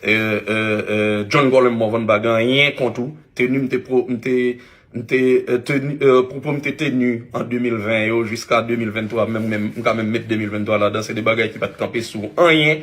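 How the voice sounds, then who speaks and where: A man with a Haitian accent, an influencer giving a halting public video apology with many restarts. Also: medium pitch, steady tone, fairly bright tone.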